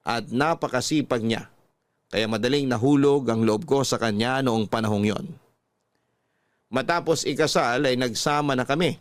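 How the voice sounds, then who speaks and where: A Filipino man hosts a radio drama and narrates, reading a listener's letter in a scripted, dramatic storytelling style. His medium-pitched voice is smooth, recorded dry in a studio with no room sound, over background music.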